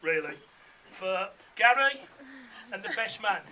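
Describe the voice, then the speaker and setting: A man's voice: high-pitched, lively intonation, slow, a crowd in the background. A middle-aged man giving an informal, jokey father of the bride speech full of anecdotes. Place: room full of wedding guests.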